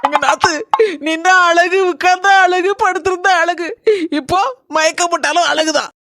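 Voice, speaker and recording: A melodramatic young village daughter-in-law, voiced by a woman in a cartoon, gushing in a Kanyakumari Tamil accent. Her voice is very high, and the recording is dry and close. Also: fairly even intonation, normal speed, fairly bright tone, no room sound. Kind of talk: cartoon voice acting.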